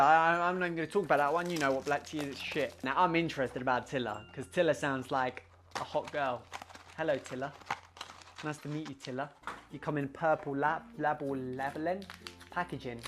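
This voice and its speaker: A young man chatting casually in a home video, excitable, rambling and sweary. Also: on the high side. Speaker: vlogger. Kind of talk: casual vlog chat.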